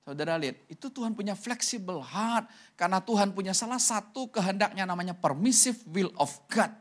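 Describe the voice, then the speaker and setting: A male pastor preaching at a church service in an emphatic manner. He swings between forceful emphasis and near-hushed asides. He keeps turning to address the congregation. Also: sits high, expressive, a little fast. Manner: emphatic, swings from loud to very soft. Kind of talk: sermon.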